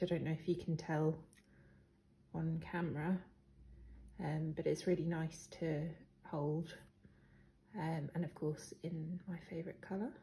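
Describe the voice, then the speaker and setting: A British planner vlogger with a croaky, low, mellow voice does a casual show-and-tell, hesitant and full of ums, soft laughs, and throat clearing. She's in a living room with a hard floor, and the echoey recording has faint noise.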